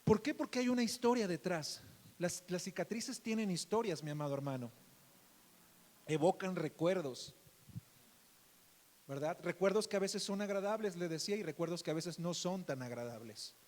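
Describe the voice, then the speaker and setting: In a large church hall, a male pastor with a Mexican Spanish accent preaches a sermon in a high voice with lively intonation at a normal speed. He calls listeners "beloved brother," often asks "right?", and swings between loud emphasis and soft asides.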